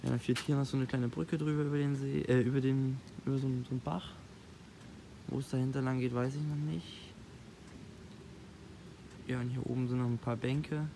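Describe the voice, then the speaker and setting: Young man with a gravelly voice. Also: medium pitch, a little fast, pauses often. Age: young adult. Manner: relaxed, thinking aloud with fillers. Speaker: travel vlogger. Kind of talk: casual vlog commentary. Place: outdoors by a lake, later beside a van. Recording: outdoor recording with clear noise. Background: clear outdoor noise.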